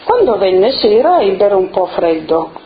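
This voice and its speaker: A woman's voice: medium pitch, sing-song, moderate pace. Woman leading a group activity. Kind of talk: giving instructions and reading a fable. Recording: muffled with faint noise.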